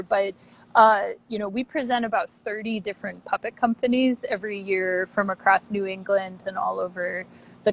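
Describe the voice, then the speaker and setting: A medium-pitched woman's voice comes through a rough recording. She's the puppet theater director, a cheerful, chatty guest on an online video call from a phone or laptop, moving between outside the theater and the lobby.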